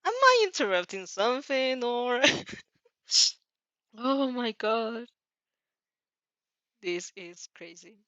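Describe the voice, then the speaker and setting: A woman with a fairly high, sing-song voice reads a fan fiction story aloud, speaking extremely slowly with frequent pauses in a bright, forceful tone. Her delivery is expressive and informal; she stumbles over sentences and breaks off to react casually as she goes. The recording is dry and slightly dull, with no room sound.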